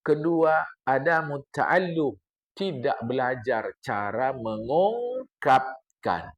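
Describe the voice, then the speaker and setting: Older preacher with a gravelly voice. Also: male voice, fairly high pitch. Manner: animated lecturing, addresses the congregation, recites Arabic text then explains. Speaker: religious teacher. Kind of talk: mosque study-circle sermon.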